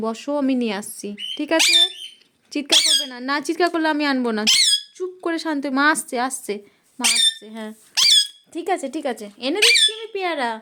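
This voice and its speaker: A woman at home at night coaxing and gently scolding her pet parrot. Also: high voice. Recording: loud background noise.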